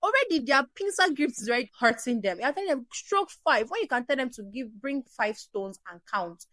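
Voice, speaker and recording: Animated woman, parenting host. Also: high voice, fairly quick, no room sound. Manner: animated, acts out shouting parents, drops to soft emphasis. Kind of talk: advice talk answering viewer questions.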